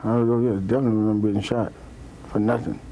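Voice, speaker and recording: A man's voice: on the low side, flat delivery, rapid-fire, mellow, low-quality recording. A man, a police officer, recalling things conversationally in an interview. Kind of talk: conversational recollection.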